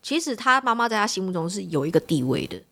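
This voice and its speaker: Animated woman telling a story fast. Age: 30s. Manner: animated, acts out quotes of family with big pitch jumps. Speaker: podcast host. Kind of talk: casual chat, storytelling.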